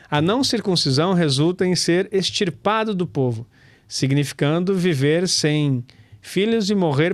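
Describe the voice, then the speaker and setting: A man's voice: on the high side, no room sound. A man, teaching scripture in a casual, chatty way, calling listeners brother and laughing often. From Brazil. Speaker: pastor and Torah teacher.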